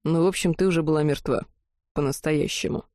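A woman voicing a young man, the heroine's devoted partner, speaking hesitantly and low. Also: steady tone, fairly quick, darkish tone, no echo, clean studio sound, natural voice. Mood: subdued. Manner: subdued, hesitant.

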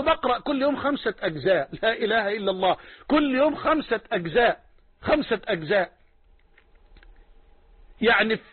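Man, Egyptian accent, fervent sermon, husky, lo-fi phone-like sound. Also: very high-pitched. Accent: Egyptian Arabic. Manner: impassioned, repeats phrases for emphasis, swears oaths. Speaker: preacher.

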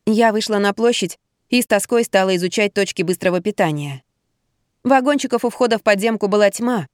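A woman narrating a comic novel in the first person, in a wry, expressive way. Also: mid-range voice, a little fast, no room sound, studio quality. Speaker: audiobook narrator.

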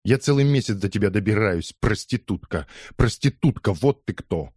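A man reading an audiobook, voicing a furious, heavy-jawed middle-aged woman who shouts hoarse, spiteful abuse. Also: on the low side, animated, normal speed, no room sound, clean studio sound.

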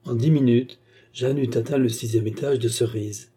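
A man's voice: medium pitch, steady tone, normal speed, dark tone. A man steadily narrating a classic novel as an audiobook.

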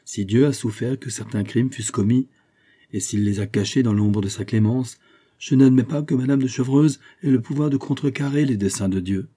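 A man's voice: mid-range voice, normal speed, mellow, husky, natural voice. A man reading aloud voices a proud, resolute young king who speaks in a firm, commanding way. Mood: insistent.

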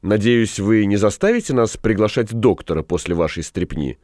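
A man reading aloud, voicing a prim, flustered older governess who protests in a shrill, prim way. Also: lively intonation, moderate pace, darkish tone, dry recording, clean studio sound, natural voice.

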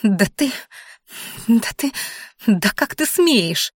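An indignant young woman, sharp-tongued and quick to shout, as a woman reads her in an audiobook. Her voice rises and presses harder, close and dry. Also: fairly high pitch, big pitch swings, slightly rough, no echo, heavily acted. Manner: accusing, indignant.

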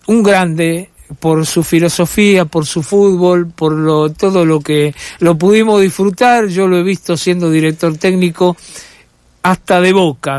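A man's voice: high voice, smooth, no echo. A middle-aged man with a Rioplatense accent, hosting a casual radio chat and talking reflectively with many hesitations. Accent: Rioplatense Spanish. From Argentina. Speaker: radio host. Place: radio studio.

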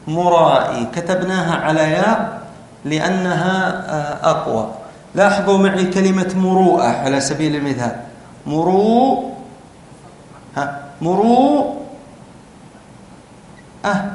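A man teaching a class in a lecture, explaining rules step by step and asking the students questions. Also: high voice. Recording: very echoey room with faint noise.

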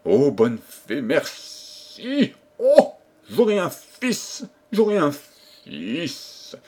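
A man voicing a jolly, excitable old king who speaks fondly to his daughter. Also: fairly high pitch, drawn-out words, breathy edge, voice pushed up, heavily acted. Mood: overjoyed.

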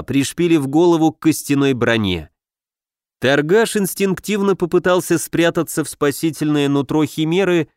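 A man's voice: fairly high pitch, no echo, studio quality. A man narrating a fantasy audiobook in a scripted reading voice.

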